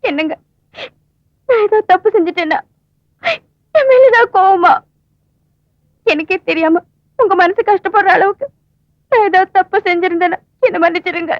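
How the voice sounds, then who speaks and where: High-voiced anxious young wife, dry muffled film sound. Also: female voice, fairly quick, pauses often, dry recording. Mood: tearful. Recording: dry, dull film track with music.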